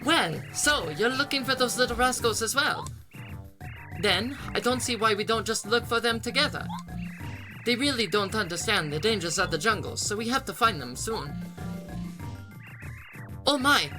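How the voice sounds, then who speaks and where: A performer voicing a prim, scolding female dinosaur nanny in a high, bossy voice, over game music. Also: lively intonation, normal speed, lightly acted.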